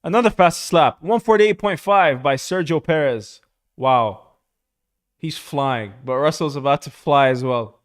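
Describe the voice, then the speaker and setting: A young man streaming live, giving casual, excitable commentary on a motor race and saying "bro" a lot. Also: on the high side, measured pace.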